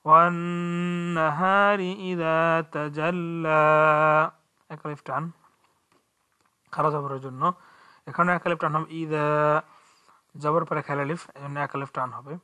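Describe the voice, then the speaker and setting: Male recitation teacher, Bangladeshi Bengali accent, level flat delivery, slightly higher voice, spells out letters methodically. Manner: spells each letter and vowel, then recites the verse slowly. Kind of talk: slow spelled-out recitation lesson.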